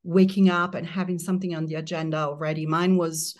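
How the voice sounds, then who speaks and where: Middle-aged woman from italy, lowish voice, calm and reflective, talks in long flowing bits. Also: fairly quick. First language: Italian. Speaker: guest. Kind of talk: casual interview chat. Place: remote mountain home, remote interview.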